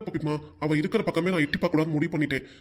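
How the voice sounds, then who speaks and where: A man's voice: on the high side, steady tone, very fast, natural voice. A man voicing a middle-aged shopkeeper husband in a Tamil cartoon, aggrieved and pleading. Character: middle-aged shopkeeper husband, bitter about his wife.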